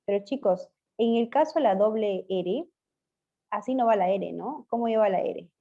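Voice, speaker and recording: A woman teacher giving an online language class, patiently quizzing her pupils and spelling words out slowly. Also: mid-range voice, vocal fry. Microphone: video call. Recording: muffled lo-fi video call audio.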